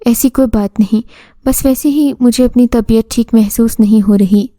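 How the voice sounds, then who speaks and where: A woman's voice: fairly high pitch, moderate pace, dark tone, no room sound, lightly acted. A woman voicing an anxious father, a poor cobbler, in a storybook tale, pleading with his daughter.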